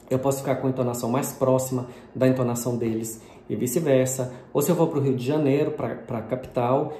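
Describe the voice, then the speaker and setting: A man's voice: medium pitch, warm tone. A man from Brazil giving a patient, explanatory video lesson on phonetics, sprinkling his speech with diminutives. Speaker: linguistics teacher. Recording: echoey room with faint noise.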